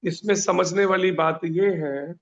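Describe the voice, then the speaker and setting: A high-voiced man leads a scripture class on a video call, working through each question with everyday examples and short anecdotes. His voice comes through muffled, dull online call audio. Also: fairly even intonation, measured pace. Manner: explains with examples and small stories. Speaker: spiritual teacher.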